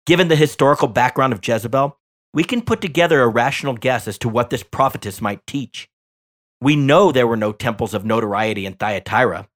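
A man presents a scripted Bible teaching podcast in a mid-range voice. He reads measured and deliberate, slowing down on key phrases for emphasis. His delivery is steady and earnest throughout. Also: mid-range voice.

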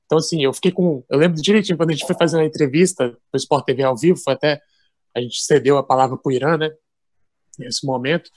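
A man with a fairly high voice talks in a relaxed, conversational way during an interview. The sound is close and dry. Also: fast, no echo. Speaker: guest athlete. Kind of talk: casual interview chat.

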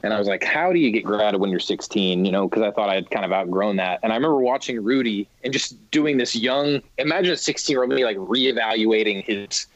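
A man's voice: on the low side, fast, few pauses, no room sound, lo-fi sound. A man in his thirties co-hosting a sports podcast in casual chat, rambling with many restarts. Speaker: podcast co-host.

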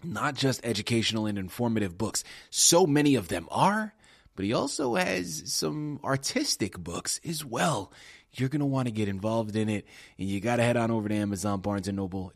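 Male podcast host, low husky voice, emphatic and promotional, dry recording. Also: animated, moderate pace, no echo. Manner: emphatic, promotional, addresses listeners directly. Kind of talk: enthusiastic interview host.

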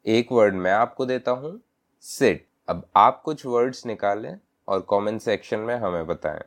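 A man teaching English pronunciation, spelling words out letter by letter in a deliberate way. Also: lowish voice, expressive. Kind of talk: recorded language lesson.

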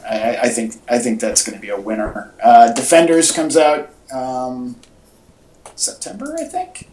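A podcast co-host, male, chats casually and informally about pop culture with an enthusiastic fan's energy. His medium-pitched voice has lively intonation, a darkish tone and a moderate pace, in echoey room audio.

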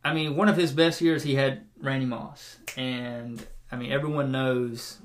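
A young man in his twenties talks sports on a casual podcast. He rambles, circles back and keeps restarting sentences as he works toward his point. His voice sits at an ordinary middle pitch. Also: fairly even intonation, measured pace. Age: 20s. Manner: rambling, restarts often with repeated openers. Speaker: podcast co-host.

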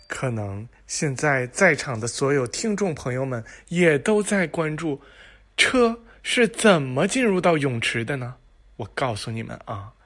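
A man's voice: fairly high pitch, a bit bright. A man hosting a joke show, telling corny dad jokes to listeners in a playful, teasing way and acting out the dialogue.

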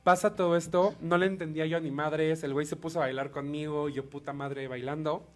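A man's voice: a little high, a little fast. A young man with a Mexican accent, chatting as a podcast co-host and acting out voices as he tells anecdotes. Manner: animated, acts out voices in anecdotes. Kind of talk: casual storytelling chat.

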